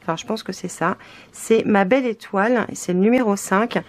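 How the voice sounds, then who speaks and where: A woman's voice: mid-range voice, a little fast. A woman from France chatting casually as she shows craft papers, hesitant with many fillers. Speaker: scrapbooking vlogger. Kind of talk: casual product unboxing chat.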